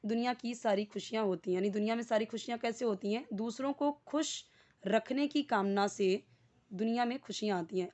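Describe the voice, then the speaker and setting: A woman with an Indian accent teaching an English lesson, reading English sentences slowly and explaining them word by word, with many "uh" fillers. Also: on the high side, a little mellow. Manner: frequent "uh" fillers when speaking English.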